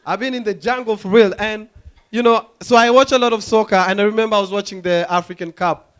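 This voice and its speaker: A young Kenyan man with a Kenyan accent doing a stand-up comedy set, telling animated stories, acting out voices and laughing at his own jokes. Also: high-pitched, fast talker, smooth. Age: young adult. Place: comedy club stage.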